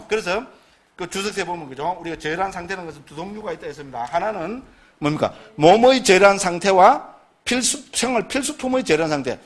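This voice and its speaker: A man lecturing on Buddhist scripture, first reciting a text slowly and then explaining it with constant tag and rhetorical questions. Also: sits high, breathy edge. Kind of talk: slow recited scripture reading, then lively classroom lecture.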